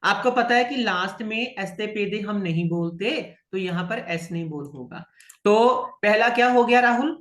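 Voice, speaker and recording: A man's voice: high voice, normal speed, fairly bright tone, reverberant. A man with an Indian accent teaching French to students, patiently repeating words and checking that they follow. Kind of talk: online French lesson.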